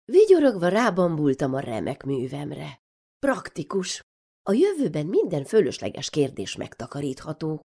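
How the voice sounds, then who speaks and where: A woman reading a first-person story aloud as narrator, with a wry, deadpan telling. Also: deep voice, breathy edge.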